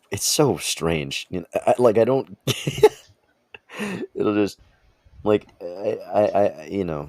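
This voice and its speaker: A young man with an extremely deep, low voice chats casually as a podcast co-host. He rambles and trips over restarts, and the sound is dry and close with no room around it. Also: dry recording. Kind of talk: casual chat.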